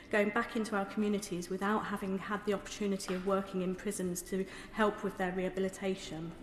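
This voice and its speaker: A woman member of parliament making a formal, polite and somewhat halting intervention in a debate in a large chamber. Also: mid-range voice. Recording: echoey hall, reverb, noisy ambience.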